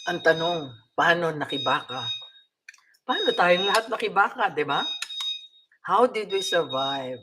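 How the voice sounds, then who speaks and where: Chatty older Filipino woman, bright voice. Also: on the low side, expressive, a little slow, long pauses, a little hiss or hum. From Philippines. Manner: chatty, laughs often, mixes in English. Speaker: vlogger. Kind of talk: casual chat to viewers. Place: home.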